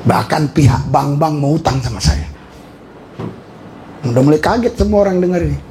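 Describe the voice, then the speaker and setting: A middle-aged man from Indonesia, a pastor preaching a lively sermon, laughing often and shouting at times. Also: a little high, normal speed, a crowd in the background.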